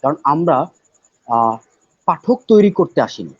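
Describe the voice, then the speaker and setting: Guy talking loud n emphatic, highish voice, dry muffled sound. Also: sing-song, unhurried, slightly rough, no room sound. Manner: loud, emphatic, repeats himself for stress. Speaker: guest poet. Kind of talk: live talk show conversation. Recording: dull, dry lo-fi audio.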